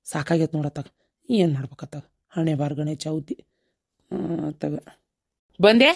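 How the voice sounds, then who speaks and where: A woman's voice: deep voice, expressive, normal speed, darkish tone, husky, full character voice. A woman voicing a complaining, henpecked middle-aged village husband in a cartoon, with a North Karnataka Kannada accent. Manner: complaining, whiny grumbling. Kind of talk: cartoon comedy voice acting.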